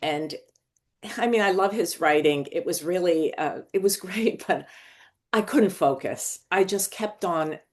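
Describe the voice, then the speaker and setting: An older woman from Morocco, a novelist and screenwriter, telling her story as a podcast guest in an animated, digressive way. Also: lowish voice, unhurried.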